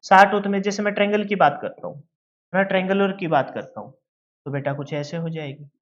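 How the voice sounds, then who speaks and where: A man's voice: high voice, fairly quick, dull audio. A male teacher giving a lecture, who asks questions and answers them himself and calls his students "beta". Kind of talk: classroom lecture.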